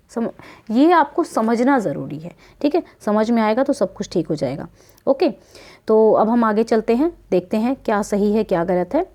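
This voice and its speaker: An Indian woman teaching an English grammar lesson at an unhurried pace. Her voice is mellow and soft-edged. She keeps repeating example words and checking that her pupils follow. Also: medium pitch. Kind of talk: worksheet lesson explained in Hindi.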